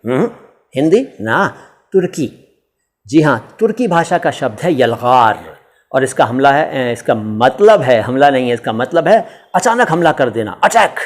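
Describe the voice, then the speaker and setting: A man from India hosts a relaxed question-and-answer lesson, explaining words to his viewers. His delivery is chatty and teacherly, with playful self-quizzing asides, and his voice sits at a middle pitch for a man. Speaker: language channel host answering viewer questions. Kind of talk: casual Q&A explainer.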